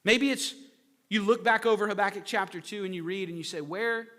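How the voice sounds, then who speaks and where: A man's voice: high voice, fairly quick, pushed and bright. A man preaching an earnest sermon, repeating phrases for emphasis. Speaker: pastor. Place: church sanctuary. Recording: echoey hall with long reverb.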